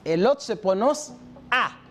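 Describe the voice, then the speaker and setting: A man's voice: high-pitched, expressive, moderate pace, slight background noise. A man teaching a televised French lesson, drilling vocabulary and switching between French and Spanish while encouraging students with praise.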